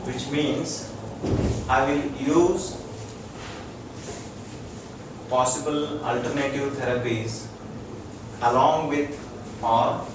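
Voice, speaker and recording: A man with an Indian accent speaks very slowly in a mid-range, steady voice, pausing often. He's a doctor teaching integrative medicine, giving an informal lecture to a small group in a room, using short repeated phrases and checking that listeners follow. The recording is noisy, with an echoey room and a distant mic.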